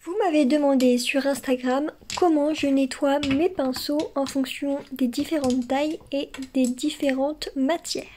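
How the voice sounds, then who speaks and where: A woman giving a soft, gentle, instructional tutorial voice-over as a makeup artist. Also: high-pitched, slight background noise. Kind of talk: scripted tutorial voice-over with soft ASMR touches.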